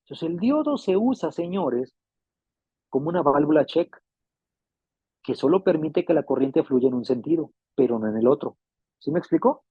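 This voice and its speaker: Male instructor, fairly high husky voice, patient and repetitive, tinny phone-like recording. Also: lively intonation, normal speed, long pauses, no echo. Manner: patient, repeats points and checks understanding. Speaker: refrigeration electronics instructor. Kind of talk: classroom lecture. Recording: tinny phone-like dry sound.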